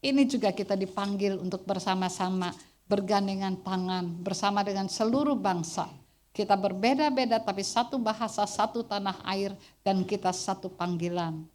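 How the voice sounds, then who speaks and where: A middle-aged female pastor delivers a Sunday sermon in church at normal speed, her mid-range voice loud enough to carry far. She tells humorous stories and frequently speaks directly to the congregation.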